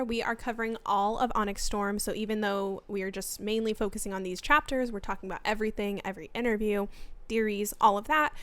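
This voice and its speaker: A young woman co-hosting a casual book podcast, playful and slangy, quick to laugh. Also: on the high side, fairly bright tone, smooth, no room sound. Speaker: podcast co-host.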